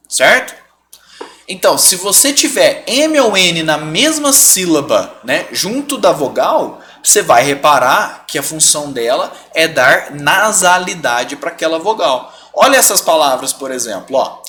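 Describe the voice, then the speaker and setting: A man's voice: a little high, sharp tone, slight background noise. A man teaching a live online lesson, patiently stretching out example sounds and often checking that students follow.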